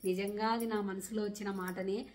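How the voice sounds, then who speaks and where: A woman's voice: mid-range voice, little pitch movement, moderate pace, darkish tone. A young woman from Rayalaseema with a Rayalaseema Telugu accent, answering viewer questions in a casual vlog in an earnest, rustic village way of talking. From Rayalaseema, India. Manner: earnest, rustic village dialect, defends herself plainly. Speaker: vlogger.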